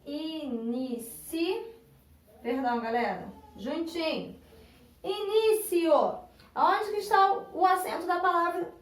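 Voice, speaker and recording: A woman's voice: very high-pitched, expressive, measured pace. A Brazilian woman teaching a grammar lesson in a classroom, patiently breaking words into syllables and repeating them. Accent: Brazilian Portuguese. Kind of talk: recorded online classroom lesson. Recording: echoey room, voice from a distance.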